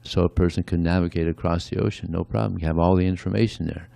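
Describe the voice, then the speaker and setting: Deep gravelly man giving a sermon. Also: fairly even intonation, quick pace, dark tone, no room sound. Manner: conversational, frequent "yeah" asides. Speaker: speaker at a temple. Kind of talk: devotional sermon.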